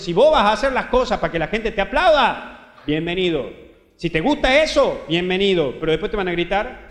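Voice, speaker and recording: A Paraguayan priest giving a homily reflection, speaking colloquially to the listener and acting out quoted dialogue. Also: male voice, sits high. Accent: Paraguayan Spanish. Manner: animated, acts out quoted dialogue; colloquial, addresses listener directly. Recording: roomy hall reverb, faint music.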